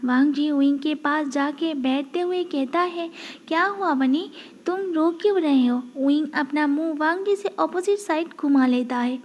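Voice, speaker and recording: High-voiced woman narrating a romance story. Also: a little mellow, highs cut off.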